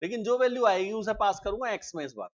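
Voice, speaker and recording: A man teaching a live programming class, explaining step by step and often asking students quick check questions. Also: high-pitched, animated, muffled recording. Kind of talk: live classroom coding lecture.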